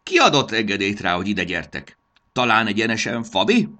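A man voicing a cranky old male elf who guards a treasure room, with a creaky, unpleasant voice, loud, impatient and boastful. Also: lowish voice, very animated, voice pushed up.

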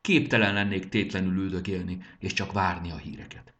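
A man voicing an eager, excitable male companion in a storybook reading, talking in excited bursts. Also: deep voice, lo-fi sound. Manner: excited, pointing things out.

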